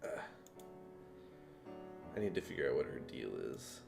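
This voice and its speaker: A man's voice: rumbling low, sing-song, moderate pace, creaky, music in the background. A man playing a visual novel, reading the lead character's lines in a dry, exasperated mutter. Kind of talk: casual game playthrough reading.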